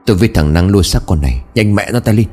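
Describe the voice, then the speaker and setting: A man's voice: on the low side, expressive, racing, a little mellow. A man voicing a domineering, scheming old father who curses and barks orders. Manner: barking orders, cursing.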